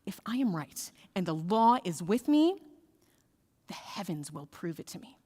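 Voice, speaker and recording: A woman's voice: on the low side, very animated, measured pace, dark tone. A woman voicing a frustrated, insistent male rabbi of old, speaking with exasperated emphasis. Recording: reverberant sanctuary hall.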